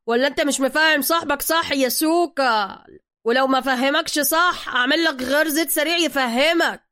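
Brief: a woman playing a loud, abusive Egyptian master mechanic in an audio story, high-pitched and booming, talks at a fast clip. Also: dry recording, studio quality. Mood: furious. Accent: Egyptian Arabic. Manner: shouting, boastful, abusive. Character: loud bossy male master mechanic, hot-tempered.

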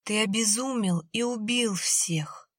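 A woman's voice: mid-range voice, measured pace, fairly bright tone, no echo, studio quality. A woman voicing a dying young woman who speaks weakly and bitterly in a half whisper. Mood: pitying. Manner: weak, breathy, half-whispered.

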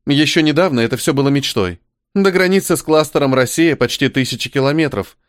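A man's voice: fairly high pitch, fairly quick, no room sound, clean studio sound, lightly acted. A man voicing a young blonde woman who complains and teases in a raised, girlish voice. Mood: enthusiastic.

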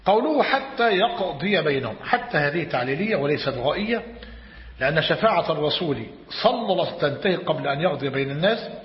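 A man's voice: a little high, animated, fast. A man teaching a religious lesson. He reads a commentary aloud and explains it. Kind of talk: lecture on creed. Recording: echoey hall, muffled lo-fi.

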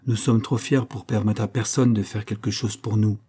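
A man's voice: lowish voice, moderate pace, husky. A man reading a proud, earnest working man. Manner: earnest, steady, plain-spoken. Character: proud plain-spoken working man from the north. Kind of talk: audiobook character reading.

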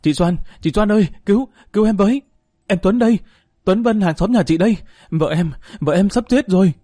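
Male narrator doing a desperate young dad, high, shouting, dry close mic. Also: fairly quick, dry recording. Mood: desperate pleading. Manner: shouting, pleading. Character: young father, desperate, panicked man.

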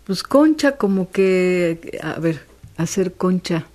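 A woman's voice: on the low side, lively intonation, takes it slowly, darkish tone. A woman co-hosting a casual university radio chat, asking questions and chiming in often. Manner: inquisitive, interjects often. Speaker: radio co-host. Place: radio studio.

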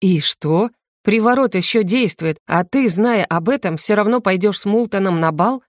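A woman's voice: mid-range voice, normal speed, no room sound, clean studio sound, lightly acted. A woman reading an audiobook and voicing a jealous, desperate young male mage in her own voice, tense and pressing.

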